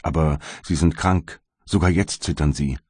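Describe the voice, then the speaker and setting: A man voicing a kindly but stern male magistrate in an audiobook, speaking in a measured way. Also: extremely low pitch, steady tone, breathy edge, dry recording, studio quality. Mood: concerned. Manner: gentle, measured, turning stern.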